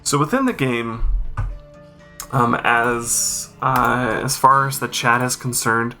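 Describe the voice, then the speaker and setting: A man with a medium-pitched, sharp-toned voice hosts a game accessibility review. His walkthrough commentary is informal, explaining things and thinking aloud as he goes.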